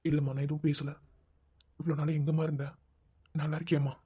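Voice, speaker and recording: A man voicing a gentle, fatherly hospital chief in an animated cartoon, speaking softly and affectionately. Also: on the high side, fast talker, breathy edge, muffled recording.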